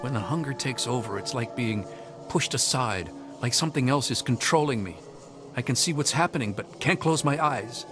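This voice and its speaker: In this video game dialogue, an actor plays a troubled, earnest young man haunted by hunger, confiding hesitantly in a reflective mood. His voice is medium-pitched and fairly bright, at a normal speed and only lightly acted. Music plays behind him.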